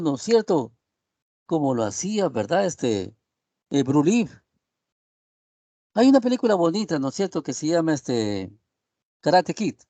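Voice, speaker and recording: A man's voice: fairly high pitch, dark tone, breathy edge, dry recording. A male professor giving an online class on a video call, rambling and leaning on tag questions as he addresses his students. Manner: addresses students as "estimados alumnos". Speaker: university professor.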